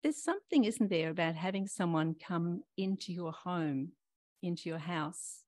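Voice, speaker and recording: An older woman preaching a gentle, reflective sermon, talking straight to her listeners and asking them questions. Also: fairly low pitch, moderate pace, no echo. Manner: warm questioning, talks to listeners directly.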